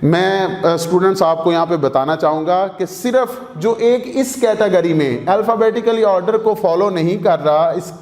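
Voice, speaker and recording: Brief: male teacher, Pakistani Urdu accent, high voice, slow and repetitive, reverberant room. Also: darkish tone. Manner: addresses students directly, repeats rules, asks questions. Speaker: language teacher. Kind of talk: explanatory lesson.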